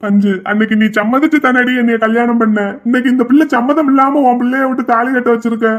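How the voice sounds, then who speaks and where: A man's voice: very high voice, steady tone, quick pace. A man voicing several men in a cartoon family drama, emotional, pleading and scolding.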